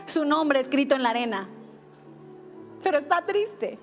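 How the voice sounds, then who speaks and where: A woman preaches with a high, bright voice. She tells her story in an animated way and acts out the quoted lines. Soft music plays faintly behind her. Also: measured pace. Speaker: pastor. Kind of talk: sermon.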